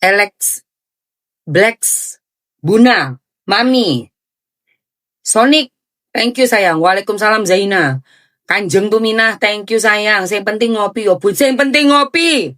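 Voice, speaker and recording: A woman's voice: mid-range voice, takes it slowly, long pauses. A woman hosting a casual livestream, talking animatedly, scolding her chat and thanking viewers. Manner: animated, scolding, switching into Javanese phrases. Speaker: livestream host.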